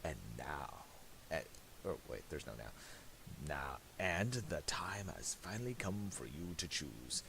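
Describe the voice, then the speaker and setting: On a hissy home recording with audible clicks, a bass-voiced man mumbles his way haltingly through a casual software tutorial. He speaks expressively, with vocal fry.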